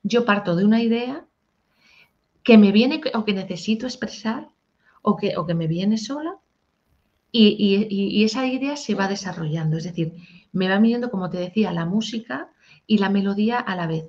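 A woman, a singer-songwriter and music teacher talking casually in an interview, animated and chatty. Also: medium pitch, moderate pace. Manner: animated, sings short improvised snippets. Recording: dull lo-fi audio.

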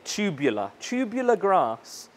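A man's voice: sits high, big pitch swings, slow, a little hiss or hum. Chatty man unboxing plants. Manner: chatty, enthusiastic, thinks aloud, stumbles over plant names. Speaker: fish shop owner and video host. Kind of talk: casual unboxing vlog. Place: inside an aquarium shop.

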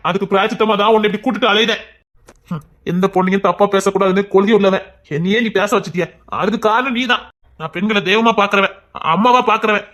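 An earnest, principled young hero, dubbed by a man with a Tirunelveli Tamil accent. He talks fast and pleads his case in a comic serial spoof. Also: high voice, fairly even intonation, fairly bright tone.

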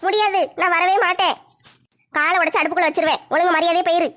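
A woman's voice: very high voice, steady tone, quick pace, fairly bright tone. A woman doing a bossy scolding mother. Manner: scolding, commanding. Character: bossy middle-aged mother, sharp-tongued.

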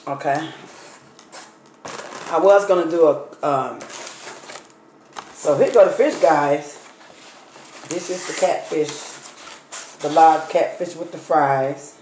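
A hoarse woman vlogger with a low, slightly mellow voice chats away at a dining table in her home while she unpacks and eats food, telling stories in a casual mukbang. A phone camera sits on the table, and the room sounds echoey with faint background noise.

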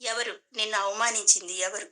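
A woman voicing a gentle, worried male god in a devotional story, asking soft, pleading questions. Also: medium pitch, steady tone, fairly quick, natural voice. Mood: concerned, firm. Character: lord Shiva, male god, gentle and fearful.

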